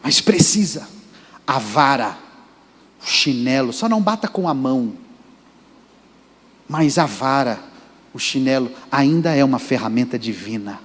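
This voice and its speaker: In the church sanctuary, a male pastor delivers a sermon in Brazilian Portuguese, speaking emphatically and directly to the congregation. His medium-pitched voice is a bit bright and slightly rough, with lively intonation, an unhurried pace, and long pauses, all under church reverb.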